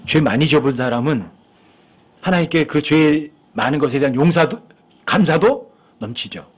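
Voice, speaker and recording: A man's voice: fairly high pitch, animated, normal speed, slightly rough. A male pastor preaching a sermon in church, talking conversationally and asking his listeners frequent rhetorical questions.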